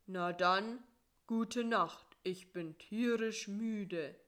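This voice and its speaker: A woman voicing a grumpy, sleepy male spider in a storybook reading, with a gruff, loud, indignant manner. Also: mid-range voice, drawn-out words.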